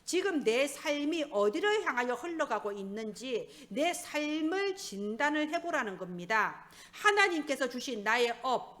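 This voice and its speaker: A woman's voice: high voice, pushed and bright. A woman pastor preaching a sermon with emphatic, rising and falling stress.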